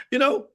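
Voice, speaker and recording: A man leading an interactive online training session on a video call. He tells stories with frequent laughs and questions to his audience. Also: a bit bright. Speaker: workforce trainer.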